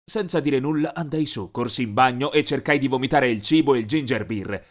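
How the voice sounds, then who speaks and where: A man narrating an animated story in a scripted, expressive way. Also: medium pitch, fairly quick. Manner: lively, expressive.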